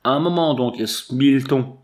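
A man voicing a jovial old male mountain trapper with a gruff, folksy, cackling manner. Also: lowish voice, animated, moderate pace, darkish tone, natural voice. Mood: surprised.

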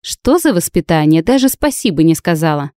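A woman's voice: deep voice, very animated, a little fast, mellow, no echo, studio quality. A woman voicing a sly, teasing old witch in an audiobook. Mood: wry teasing.

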